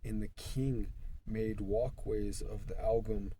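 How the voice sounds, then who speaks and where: A man reads scripture aloud stiffly and haltingly, breaking it into short phrases. His voice is somewhat low and very monotone, and he goes very slowly. The recording has clear background noise and clicks. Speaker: Bible reader.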